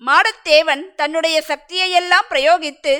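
Storybook narrator: woman, bright and sharp tone, dramatic measured reading. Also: extremely high pitch, fairly even intonation.

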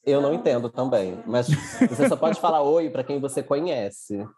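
A man's voice: mid-range voice, lively intonation, moderate pace, warm tone. A man, a guest telling anecdotes in a casual podcast chat.

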